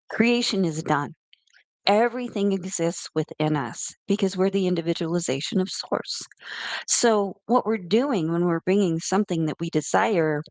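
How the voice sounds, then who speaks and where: A woman's voice: fairly low pitch, dry recording. A middle-aged woman hosting a casual spiritual talk show, chatty and rambling, often correcting herself as she goes. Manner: rambling, self-correcting, friendly. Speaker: host.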